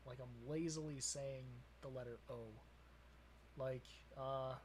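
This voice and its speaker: A young man from Wisconsin, USA, with the local accent, co-hosts a podcast and chats casually, rambling and laughing a lot. His voice is medium-pitched, steady and somewhat dark, and he talks slowly. A little hiss or hum sits in the background.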